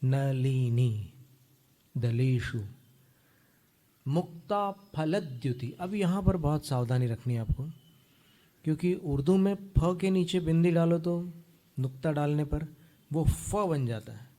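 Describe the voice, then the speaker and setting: A man leads a patient pronunciation lesson, talking close to the microphone. His voice sits fairly high but has a soft, mellow tone, and he moves at a very slow, deliberate pace. He chants each verse line slowly and carefully. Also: expressive. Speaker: teacher of hymn recitation.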